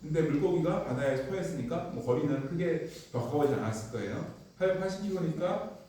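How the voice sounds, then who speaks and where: Brief: male Bible class teacher, fairly high voice, animated storytelling, distant echoey room. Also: fairly quick. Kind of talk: lively church Bible lecture. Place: church classroom.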